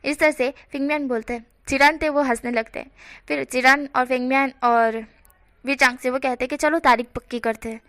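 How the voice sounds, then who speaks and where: A woman's voice: high voice, steady tone, a little fast, fairly bright tone, dry recording. A woman telling a story in a casual, chatty style, mixing English words into her speech.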